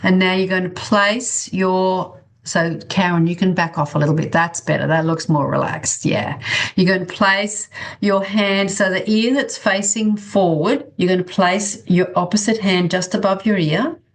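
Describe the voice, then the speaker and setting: A woman with a slightly low voice teaches a bodywork class online. She guides simple exercises in an informal, conversational way, encouraging participants as she checks how they are doing. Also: measured pace. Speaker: workshop instructor in bodywork. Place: online video-call class.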